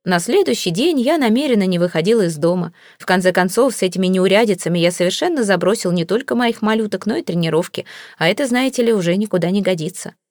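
Lady reading a funny fantasy audiobook, expressive, dead dry mic. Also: medium pitch, quick pace, no room sound. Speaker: audiobook narrator. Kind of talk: scripted audiobook narration.

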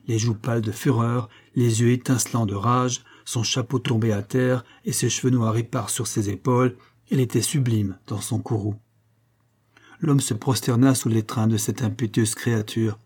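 A male audiobook narrator reading a classic novel with measured, steady delivery. His voice is husky and dark, mellow rather than bright. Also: mid-range voice. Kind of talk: scripted literary narration.

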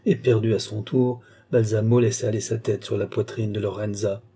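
A man narrating a classic novel as an audiobook in a measured, dramatic reading. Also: lowish voice, level tone, dark tone, husky.

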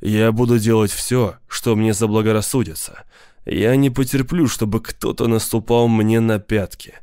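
A man voicing a big, menacing lawyer who speaks slowly and with cool politeness. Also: on the low side, fairly even intonation, warm tone, clear, resonant tone, no echo, studio quality, close to an everyday voice. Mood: angry. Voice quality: slow, measured, coolly polite. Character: big cold male mobster lawyer, menacing, patient.

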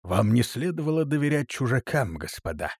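An actor voicing a gloomy, disapproving male orc servant who speaks low and resigned in a storybook reading. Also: big pitch swings, brisk, dry recording, clean studio sound.

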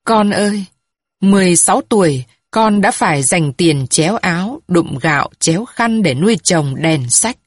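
A woman voicing a grieving old grandmother who speaks softly and pleadingly to her dead daughter, in a storybook reading. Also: fairly low pitch, lively intonation, normal speed, husky, dry recording, clean studio sound. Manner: soft, mournful, pleading address.

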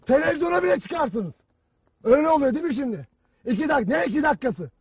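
A stern army commander who berates his soldiers, his voice pitched very high and harsh. He barks cutting orders and shouts. The sound is completely dry and close. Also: expressive, fast talker, creaky, no room sound, full character voice. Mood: bitter. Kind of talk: film drama acting.

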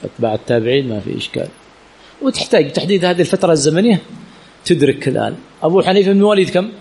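Speaking very fast and with animation, this sheikh has a somewhat high, slightly rough, a little mellow voice. His classroom lesson with Q&A on hadith chain studies takes place in a religious teaching center, and he often asks students rhetorical questions and repeats key words.

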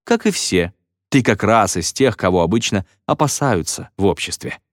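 A man voicing a sharp-tongued young woman who teases and mocks. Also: lowish voice, expressive, moderate pace, no echo, clean studio sound. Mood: teasing. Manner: teasing, sarcastic.

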